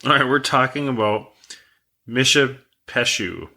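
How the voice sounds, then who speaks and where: Male podcast co-host, low and bright-toned, relaxed rambling storyteller. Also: unhurried. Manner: relaxed, rambling, reads facts aloud.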